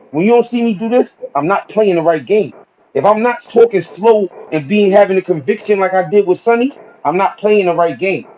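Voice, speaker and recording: A man's voice: sits high, darkish tone, dull audio, slight background noise. A man, a guest battle rapper talking in a casual podcast chat, emphatic and heavy on street slang. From Brooklyn, New York. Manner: street slang, emphatic, repetitive "you feel me".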